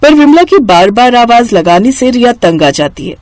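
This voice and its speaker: Lively woman narrating a story. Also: a little high, moderate pace, dry recording.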